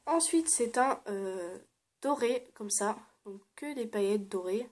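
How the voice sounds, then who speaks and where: A young woman beauty vlogger chats casually while showing items to her viewers, filling her speech with "euh," laughing often and dropping into soft murmurs. Her voice is medium in pitch and she takes her time.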